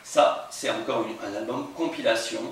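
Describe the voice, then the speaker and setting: A man's voice: medium pitch, normal speed, far from the mic, a little hiss or hum. Chatty man in an echoey room. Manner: chatty, rambling with fillers and restarts. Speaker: record collector presenting albums. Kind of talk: casual video presentation to friends. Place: room at home.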